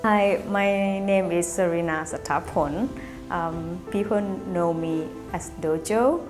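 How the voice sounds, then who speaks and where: A woman speaks slowly in a lowish voice, unhurried and dotted with fillers. Clear music runs behind her. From Thailand. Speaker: art student. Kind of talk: documentary interview.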